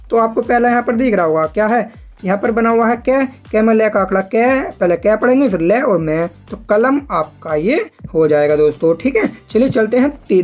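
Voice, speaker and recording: A man explains a shorthand lesson in a patient, repetitive tutorial manner and keeps addressing his viewers as friends. His voice sits fairly high. Quiet music plays faintly behind him. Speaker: shorthand teacher.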